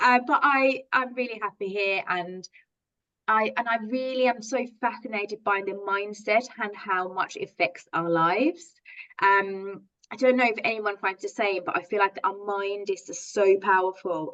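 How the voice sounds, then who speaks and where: A middle-aged Finnish woman, a native speaker of Finnish and a positive psychology coach, leads an online coaching masterclass with earnest enthusiasm, using many fillers and restarts. Her mid-range voice has a fairly bright tone, and the recording is muffled.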